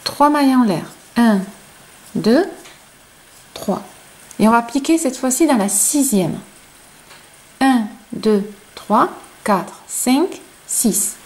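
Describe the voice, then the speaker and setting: Slow-talking woman teaching crochet. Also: a little high, animated, a little mellow, rough recording. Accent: non-native French. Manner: counts stitches aloud, chatty asides. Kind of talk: slow step-by-step tutorial.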